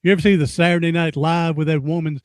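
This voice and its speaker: Speaking fast with fairly even intonation and a voice on the high side, a sixty-something podcast host chats casually with an interview guest. He's folksy and rambling and repeats himself a lot. The sound is dry and clean, studio quality.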